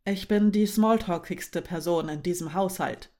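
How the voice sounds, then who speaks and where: A woman voicing a cheerful, talkative female housemate with a somewhat angular voice, read softly in a German audiobook. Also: on the low side, measured pace, close to an everyday voice. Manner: talkative, direct.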